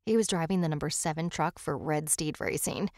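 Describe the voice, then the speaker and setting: A woman's voice: low-pitched, fairly quick, darkish tone, no echo, studio quality. A woman voicing a talkative small-town father who rambles folksily through his racing memories. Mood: reminiscing. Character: chatty small-town father recalling old racing days.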